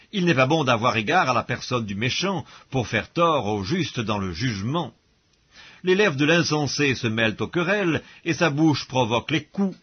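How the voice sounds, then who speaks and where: An audiobook narrator with a slightly rough, mid-range voice reads scripture aloud. He is solemn and measured, using formal diction, and the recording sounds dull.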